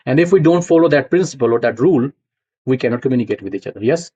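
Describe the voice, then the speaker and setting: Lecturing at a university, a middle-aged Punjabi man with a Punjabi accent walks his students through ideas one step at a time, checking in with them along the way. He talks fast with lively intonation at medium pitch, his warm voice carrying a breathy edge, and the recording's highs are cut off.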